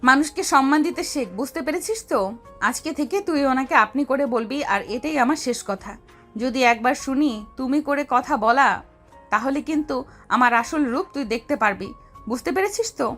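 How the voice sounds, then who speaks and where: A high-voiced, domineering older sister, played by a woman in an audio love-story drama. She scolds and gives orders in a commanding way, with soft music underneath. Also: brisk. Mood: scolding. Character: bossy older sister, domineering, quick to anger.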